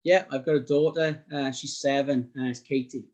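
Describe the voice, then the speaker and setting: A man's voice: mid-range voice, fairly even intonation, normal speed, darkish tone. Modest man with a Welsh Valleys accent. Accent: South Wales Valleys. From South Wales. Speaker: podcast guest, sports graphic designer. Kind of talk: casual interview chat.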